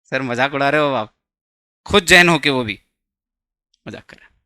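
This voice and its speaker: A man's voice: mid-range voice, moderate pace, bright, forceful tone, clear, resonant tone, no echo. A young man teaching a law class, chatty and teasing, quizzing his students with jokes.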